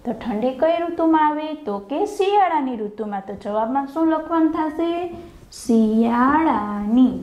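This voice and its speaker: A woman's voice: high-pitched, animated, a little fast, few pauses, echoey room, highs cut off. A woman teacher with a Gujarati accent giving a lesson to young children, asking questions and answering them herself, drawing out the answer words in dictation. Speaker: primary school teacher.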